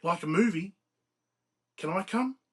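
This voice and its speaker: A man's voice: sits high, fairly quick, voice pushed up. A man reading aloud, voicing an eager, clueless male office worker in a raised, pleading voice. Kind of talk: read-aloud story.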